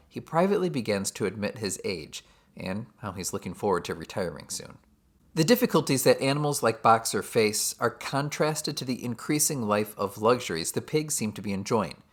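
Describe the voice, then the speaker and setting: A literature teacher with a medium-pitched, slightly breathy voice narrates a scripted summary of a novel chapter, sprinkling in dry, sardonic asides.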